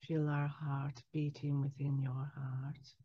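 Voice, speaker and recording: A woman in her sixties speaking as a trance medium, solemnly delivering a spiritual message in measured phrases with long pauses. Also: low-pitched, flat delivery, slightly rough, dry recording. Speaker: trance channeler. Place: small candlelit room indoors. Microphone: headset boom mic. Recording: dull, lo-fi headset sound.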